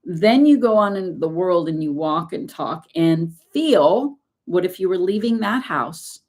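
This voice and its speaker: A woman's voice: on the low side, animated, a little slow, a little mellow. A woman success coach giving an earnest, emphatic motivational talk to camera.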